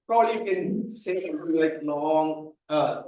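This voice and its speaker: A man's voice: on the high side, normal speed, warm tone. A man, presenting a speaking workshop and patiently calling up volunteers. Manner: explains patiently, calls up volunteers. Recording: echoey hall, mic from far off.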